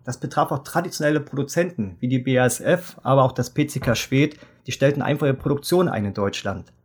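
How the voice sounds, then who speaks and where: A man in his fifties, a fertilizer sales expert, explaining market history in measured detail in a podcast interview. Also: mid-range voice, husky. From Germany. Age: 50s.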